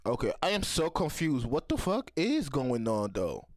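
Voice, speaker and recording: A man's voice: a little high, wildly swooping pitch, normal speed, a crowd in the background. Rambling, cursing man reacting on camera. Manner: rambling, profane, joking. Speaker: reaction video host. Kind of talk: casual reaction commentary.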